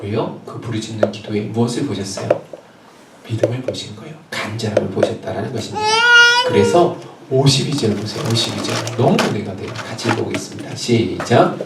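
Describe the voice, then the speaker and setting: A male pastor delivering a sermon, lively and loud, shouting out prayers as he tells the story. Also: on the low side, a little fast, very noisy. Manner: animated, shouts and acts out prayers. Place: church sanctuary. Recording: roomy church hall, voice from a distance. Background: congregation reading along.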